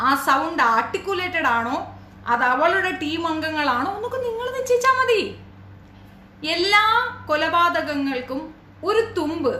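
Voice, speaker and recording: A high, bright, sarcastic woman commentator. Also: a little hiss or hum. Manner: sarcastic, taunting, full of rhetorical questions. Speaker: commentary YouTuber. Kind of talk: reaction commentary. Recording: roomy echo.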